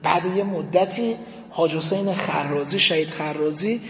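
A male religious speaker telling an emotional story as a sermon, in a dramatic, impassioned manner. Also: a crowd in the background. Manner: dramatic, impassioned storytelling with sudden rises in pitch and volume. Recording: echoey hall, dull lo-fi sound.

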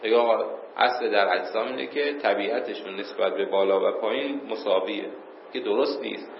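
A man teaches a casual class, reading Arabic passages aloud and breaking them down in everyday speech. The room echoes around him, and the recording sounds muffled, with a light hiss underneath. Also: on the low side. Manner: reads Arabic passages then explains them plainly, with chuckles. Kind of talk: informal classroom lesson. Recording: roomy, dull lo-fi recording with faint noise.

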